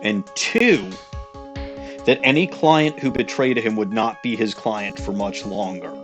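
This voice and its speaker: A man voicing a game let's play, thinking aloud, exasperated and profane. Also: fairly low pitch. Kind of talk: game commentary. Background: game music.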